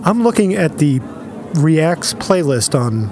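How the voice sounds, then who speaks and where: A man with a fairly high, very lively voice co-hosts a joking podcast. He is playful and quick to laugh, with faint noise under the recording. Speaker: podcast co-host. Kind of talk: casual comedic podcast banter.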